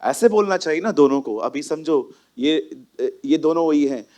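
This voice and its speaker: A male pastor preaching a sermon in a church hall, animated and emphatic, often slipping English phrases into his talk. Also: on the high side, moderate pace.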